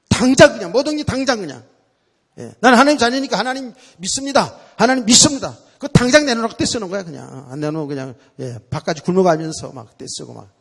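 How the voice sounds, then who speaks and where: A male pastor preaching in a church sanctuary, with a fairly high and very lively voice. He talks to the congregation in a colloquial way and suddenly shouts out acted prayers before sinking to soft, slow asides. The sound trails off in a long hall reverb. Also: gravelly. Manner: colloquial preaching, acting out prayers and God's replies with sudden loud bursts; drops to quiet, slow asides. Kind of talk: sermon.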